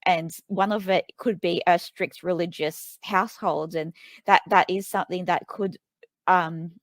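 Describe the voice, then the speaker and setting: Being interviewed in a conversational setting, a woman author speaks thoughtfully and hesitantly, with frequent ums and restarts. Her lowish voice is steady and unhurried, with no echo.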